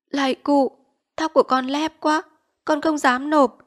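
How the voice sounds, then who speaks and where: A woman's voice: high-pitched, fairly even intonation, measured pace, pitched above the performer's own voice. Woman doing a wailing desperate peasant mother. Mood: pleading. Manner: tearful pleading, lamenting.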